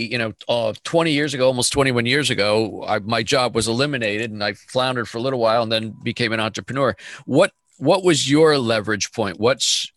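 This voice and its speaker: A man's voice: medium pitch, fairly bright tone, no echo. A man hosting a business podcast, asking friendly, rambling questions with many fillers. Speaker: podcast host. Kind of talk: podcast interview.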